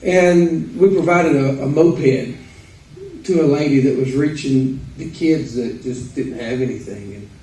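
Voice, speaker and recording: A man with an Arkansas accent giving an informal, folksy sermon with halting pauses. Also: mid-range voice, mellow. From Arkansas, United States. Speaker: preacher. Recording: roomy echo, distant microphone.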